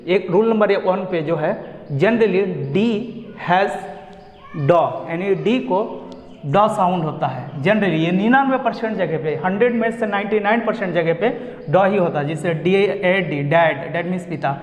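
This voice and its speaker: A man teaching an English pronunciation lesson, spelling letters out and repeating each word slowly. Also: high-pitched. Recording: echoey room with long reverb.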